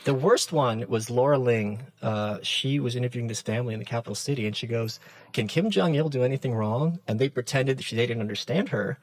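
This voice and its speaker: Animated storytelling man on a dry mic. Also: mid-range voice, quick pace, hardly any pauses, no echo, rough recording. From Soviet Union. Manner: animated storyteller who acts out quoted dialogue. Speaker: podcast guest. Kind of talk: casual podcast conversation.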